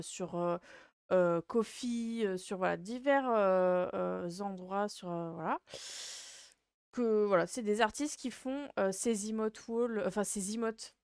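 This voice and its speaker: A woman's voice: mid-range voice, darkish tone, smooth, dry recording, studio quality. A woman hosting a livestream in casual chat, with a cute, playful and rambling, hesitant way of talking. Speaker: VTuber livestream host.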